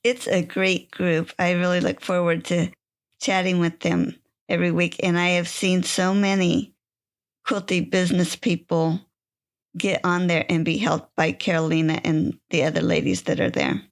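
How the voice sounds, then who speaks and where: A woman's voice: fairly low pitch, level tone, moderate pace. A woman hosting a podcast, reading a scripted introduction and then asking interview questions with enthusiasm. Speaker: podcast host.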